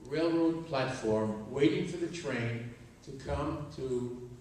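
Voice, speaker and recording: An older man, a Holocaust survivor, telling his family's story to students at a school with slow, deliberate pacing and acted-out dialogue. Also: medium pitch, darkish tone. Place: school auditorium. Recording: very echoey hall, from far off, faint ambience.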